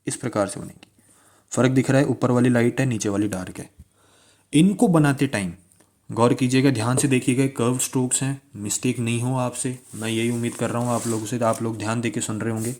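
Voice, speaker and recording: A man's voice: mid-range voice, steady tone, fairly quick, a little mellow. A man teaching shorthand strokes, repeating key words and asking listeners to pronounce along. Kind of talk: classroom-style tutorial.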